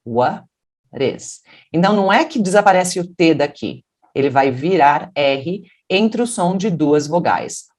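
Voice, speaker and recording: A woman from Brazil teaching English pronunciation, explaining patiently and then modeling English words in a deeper voice. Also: expressive, normal speed, hardly any pauses, a little mellow. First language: Portuguese. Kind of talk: pronunciation lesson.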